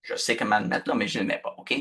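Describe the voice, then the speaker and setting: A man's voice: on the low side, fairly even intonation, quick pace, vocal fry, fairly bright tone, husky. A man teaching a live online workshop, patient and chatty, checking in often with his class. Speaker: instructor.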